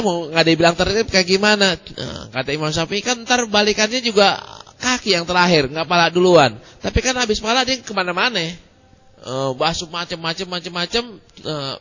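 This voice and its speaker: Guy lecturing, lots of uhs, kinda high voice, echoey muffled hall. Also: a bit bright. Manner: colloquial, rambling, many hesitations. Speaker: religious teacher. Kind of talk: casual religious study lecture. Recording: muffled recording in a reverberant hall.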